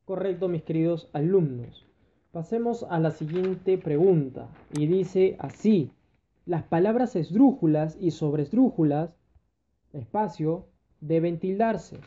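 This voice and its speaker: High-voiced male teacher, tinny audio. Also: slow, mellow. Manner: addresses students fondly, checks understanding with repeated "ya". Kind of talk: recorded grammar lesson.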